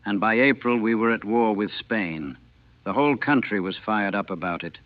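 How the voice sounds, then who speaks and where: Older man in his sixties, navy veteran on an old recording, plain and clipped, fairly low voice, narrow tinny sound. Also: normal speed, dry recording. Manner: plain, matter-of-fact, clipped sentences. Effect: old 1940 recording. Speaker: navy veteran recalling a battle. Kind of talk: first-person war reminiscence. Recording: thin, dry, phone-like old recording.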